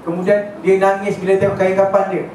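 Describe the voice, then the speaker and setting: High-voiced man lecturing in an echoey hall. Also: little pitch movement, fast, darkish tone. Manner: chatty, checks in with listeners, mixes in English words. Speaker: religious teacher. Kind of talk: casual lecture storytelling. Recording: echoey hall, distant mic, faint noise.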